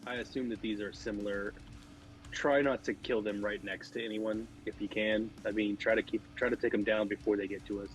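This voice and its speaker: Male player, low voice, hesitant, faint music under him. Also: fairly even intonation, brisk, few pauses. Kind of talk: casual game chat.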